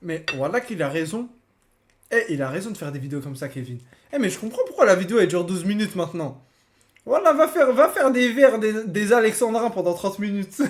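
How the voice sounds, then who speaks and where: A young man, chatting casually in slang and laughing while he reacts to a video on a live stream. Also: sits high. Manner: slangy, laughing, repeats himself.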